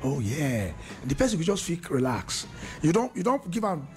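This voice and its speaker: Over soft background music, a man with a high, sing-song, slightly mellow voice talks fairly quickly. As a radio panelist he discusses relationships in Pidgin, frequently laughing and restarting what he says.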